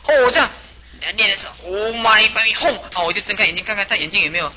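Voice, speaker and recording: A man, a Buddhist master, tells a story as a sermon in an animated way and chuckles as he talks. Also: high voice, fast, lo-fi sound, noisy background.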